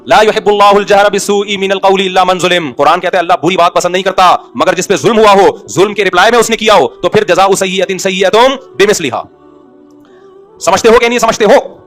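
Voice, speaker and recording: A man's voice: sits high, fairly bright tone. A middle-aged male Islamic preacher giving a conversational sermon, telling everyday anecdotes with wry jokes and rhetorical questions to his listeners. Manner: wry, joking asides.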